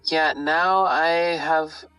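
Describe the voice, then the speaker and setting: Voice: mid-range voice, steady tone, drawn-out words, bright, forceful tone, smooth, no room sound, faint music behind, low-quality recording. A tired person confiding troubles in a rambling, self-deprecating audio journal, casual and sweary, recorded on a phone. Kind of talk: rambling late-night confessional monologue.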